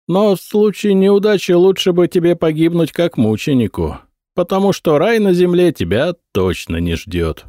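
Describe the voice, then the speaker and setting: A man reading an audiobook and voicing a calm male messenger who delivers a cool threat. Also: high-pitched, moderate pace, no echo, clean studio sound, voice pushed up. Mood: calm, warning. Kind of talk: audiobook character voice.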